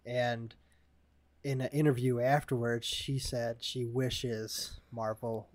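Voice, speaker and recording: A man's voice: mid-range voice, little pitch movement, takes it slowly. Laid-back man chatting about movies. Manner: laid-back, agreeable, laughs often. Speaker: podcast co-host. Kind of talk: casual movie chat.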